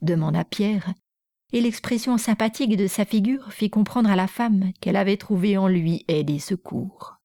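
A woman reading a classic novel aloud in a measured, even storytelling voice. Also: mid-range voice, dry recording, clean studio sound. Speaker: narrator.

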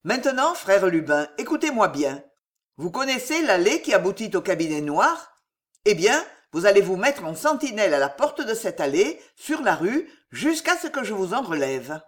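A reader voicing a sly, stern old monk who is greedy for food and wine, speaking low and commanding. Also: very animated, moderate pace, lightly acted. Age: older.

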